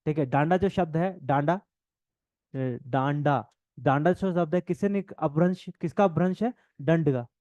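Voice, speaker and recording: This is a male coaching teacher with a north Indian Hindi accent who dictates notes to a class, repeating each phrase so students can write it down. His voice sits a little high and has a mellow, dark tone. The recording is dry and a bit dull, without much top end. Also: no room sound. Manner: fast-talking, repeats phrases for note-taking; jokes with students, laughs often.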